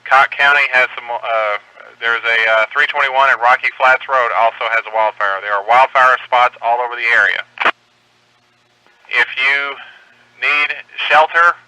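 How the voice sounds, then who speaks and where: Over a two-way radio, an American net controller in amateur radio delivers clipped, procedural emergency updates. His medium-pitched voice is steady, measured, sharp, clear, and resonant. The dry amateur radio transmission sounds rough.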